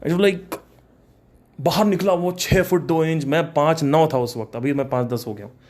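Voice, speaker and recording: A young man from Kanpur telling a personal story in a casual, animated way, slipping English phrases in and laughing between lines. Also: on the high side, moderate pace.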